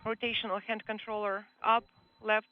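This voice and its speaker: A woman's voice: medium pitch, little pitch movement, moderate pace. A woman, heard as a live interpreter over a radio link, relaying mission-control calls in terse call-outs and checklist counts. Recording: muffled radio-link audio, faint hiss.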